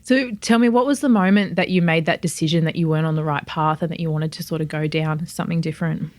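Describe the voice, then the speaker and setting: A woman interviewing a guest, asking quick, direct questions. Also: deep voice, darkish tone, no echo.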